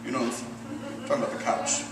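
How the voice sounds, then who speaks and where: A man's voice: medium pitch, little pitch movement, racing. A man in his forties performing a stand-up comedy set, self-mocking and profane, acting out the people he quotes. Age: 40s. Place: comedy club stage with a laughing audience. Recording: echoey, distant room recording with loud crowd noise.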